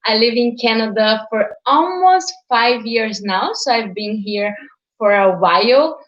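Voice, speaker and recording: Streaming from home, this Brazilian channel host in her twenties, whose native language is Portuguese, chats casually with viewers and leans on fillers like "like" and "uh." She speaks a little slowly in an expressive, fairly high voice, captured lo-fi in an echoey room.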